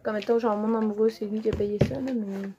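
A woman's voice: medium pitch, steady tone, fast talker. A young woman with a Quebec French accent, chatting casually through a haul video with many fillers as she shows things to the camera. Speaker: vlogger. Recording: dull lo-fi audio with faint noise.

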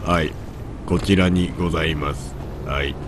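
A man's voice: a bass voice, steady tone, normal speed, noisy background. A man with a stuffy nose, doing gameplay commentary, grumbling to himself and mock-scolding characters in the game. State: stuffy nose from hay fever.

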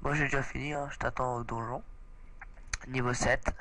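This young let's play host on a gaming channel sounds slightly congested from a cold, chatting excitedly and exclaiming often. He speaks at a moderate pace in a mid-range voice, on a rough recording.

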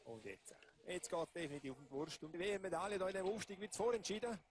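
Expert co-commentator, casual. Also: male voice, high voice, quick pace, noisy background. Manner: casual and explanatory, with fillers. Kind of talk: analytical race commentary.

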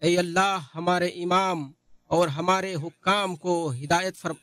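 A man reading a translated Friday sermon in a solemn, measured recitation. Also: high voice, steady tone, a bit bright, no room sound.

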